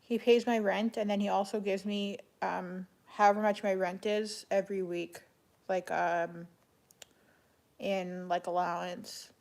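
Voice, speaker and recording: Monotone, creaky-voiced woman chatting on livestream. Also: medium pitch, a little slow. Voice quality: creaky vocal fry. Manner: flat monotone delivery. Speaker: live streamer answering chat. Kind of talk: casual livestream chat.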